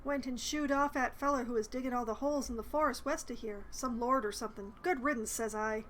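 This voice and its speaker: A woman's voice: on the high side, brisk, fairly bright tone, a little hiss or hum, lightly acted, poor audio. A woman voicing a plain-spoken, deferential rustic innkeeper with folksy, old-fashioned dialect, reading video game lines.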